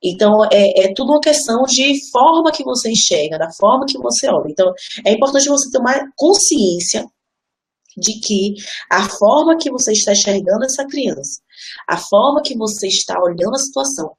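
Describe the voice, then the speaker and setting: A woman's voice: expressive, brisk. A woman and mother giving a live online parenting class, explaining earnestly and conversationally and turning to the audience as she talks. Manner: earnest and explanatory, often addresses listeners as "gente"; drops into a soft, low, gentle voice when speaking as she would to her child.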